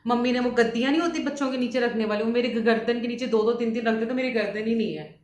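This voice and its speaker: A young woman talks quickly and casually as she shares home beauty tips, often breaking into laughter. Her voice sits a little high. The room around her is echoey and hollow. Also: a little mellow, highs cut off. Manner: fast-talking and laughs often. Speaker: beauty vlogger. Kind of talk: casual chatty vlog.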